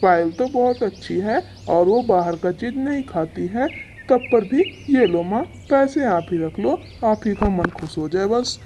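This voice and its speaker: A woman's voice: medium pitch, lively intonation, unhurried, warm tone, slight background noise. A woman voicing a dutiful young male crow in a cartoon, earnest and mild-mannered.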